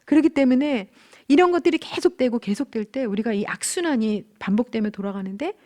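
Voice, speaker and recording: A woman's voice: on the high side, brisk. A woman in her thirties teaching a church marriage class, telling candid personal stories in an earnest, conversational way. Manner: earnest, candid storytelling with animated quoted outbursts.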